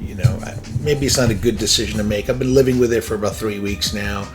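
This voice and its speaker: A man's voice: fairly low pitch, steady tone, fast talker, music in the background. A man from Iran, hosting his own show in a casual, rambling monologue, full of fillers and restarts, with small chuckles between thoughts. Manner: rambling, filler-heavy, self-interrupting. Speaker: podcast host.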